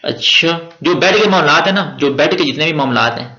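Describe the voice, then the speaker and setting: A man's voice: fairly high pitch, expressive, brisk, sharp tone. A man with a Pakistani Urdu accent touched with Punjabi, giving a chatty step-by-step exam-prep grammar lecture with joking asides. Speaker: teacher. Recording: roomy, dull lo-fi recording.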